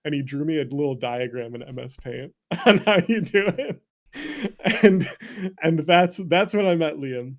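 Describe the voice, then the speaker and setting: Pitched on the high side and talking a little slowly, this young interview guest recounts stories in a relaxed way. A streamer and ex-speedrunner, he's informal, pokes fun at himself, and fills his speech with "like."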